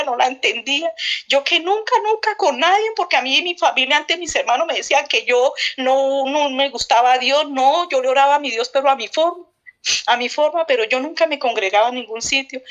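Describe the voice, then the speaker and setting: High-pitched middle-aged woman, emotional church testimony, keeps repeating herself. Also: fairly bright tone. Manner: emotional, repetitive, fervent storytelling. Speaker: church member giving testimony. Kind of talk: personal faith testimony.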